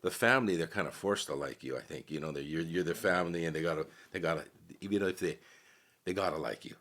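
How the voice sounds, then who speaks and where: A middle-aged man from Hawaii, a podcast guest, telling stories in a relaxed, casual chat. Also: low-pitched, quick pace. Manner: relaxed storyteller who acts out quoted voices.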